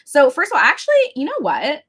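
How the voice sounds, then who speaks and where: A woman's voice: sits high, huge pitch swings, quick pace, fairly bright tone. A woman co-hosting a podcast, talking in a chatty, jokey way. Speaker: podcast co-host. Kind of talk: casual chat.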